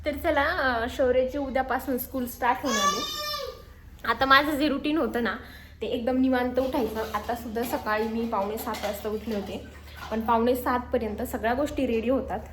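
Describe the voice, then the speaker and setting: A woman's voice: on the high side, moderate pace, echoey room, background noise. A young woman chatting casually for her home vlog, filming on her phone. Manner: chatty, talks to her little son in a coaxing sing-song voice. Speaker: mom vlogger. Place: small room at home. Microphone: handheld phone.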